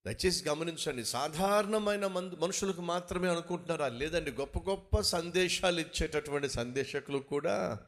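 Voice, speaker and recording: A man preaching a sermon, firing rhetorical questions and acting out the words of biblical figures. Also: on the high side. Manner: animated, rhetorical questions, acts out biblical speakers. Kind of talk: Telugu sermon.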